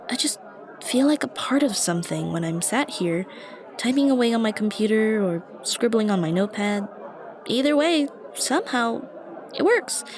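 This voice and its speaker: In an ASMR roleplay, a woman with a fairly high voice plays a shy, dorky young stranger who's a friendly regular at a coffee shop. She rambles to the listener in a hesitant, self-conscious way while busy cafe chatter fills the background.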